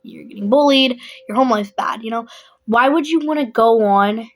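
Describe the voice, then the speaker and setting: A woman's voice: fairly high pitch, normal speed. A young adult woman vlogging in a casual, rambling chat, blunt and emphatic, often repeating herself.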